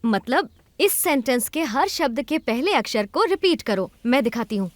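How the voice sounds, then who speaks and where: A high-voiced encouraging coach. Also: female voice, sing-song, moderate pace, no room sound. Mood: teaching. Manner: coaxing, mixes English words. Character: confident young woman speech coach, encouraging. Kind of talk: Hindi film dub.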